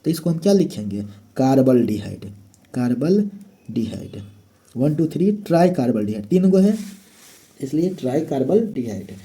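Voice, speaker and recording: With a warm, medium-pitched, sing-song voice, a man talks slowly through a chemistry lesson. He explains each step in turn during the classroom lecture and answers the questions he puts to himself.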